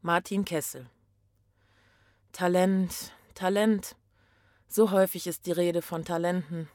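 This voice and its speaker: A woman's voice: lowish voice, steady tone, normal speed, a little mellow. A woman reading a first-person story aloud in a reflective, brooding way.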